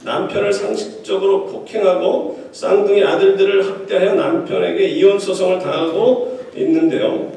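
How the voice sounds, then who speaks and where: A man's voice: high-pitched, steady tone, moderate pace, vocal fry, hardly any pauses, warm tone. A man preaching a sermon as pastor in a church, talking to the congregation in a chatty, joking way. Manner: conversational preaching with quips to the congregation. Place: church sanctuary. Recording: echoey hall, distant mic.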